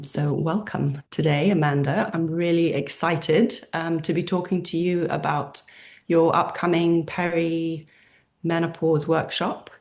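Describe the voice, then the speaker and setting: Low gravelly woman from zambia hosting a chat, soft and hesitant, lots of ums. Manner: gentle, hesitant with frequent ums. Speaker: interviewer and host. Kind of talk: conversational interview.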